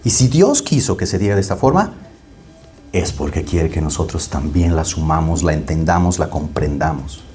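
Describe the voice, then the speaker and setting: Low-voiced pastor giving a conversational sermon. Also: male voice, animated, moderate pace, warm tone. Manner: conversational, often asks "¿no?" to the congregation; restarts and repeats words while thinking aloud.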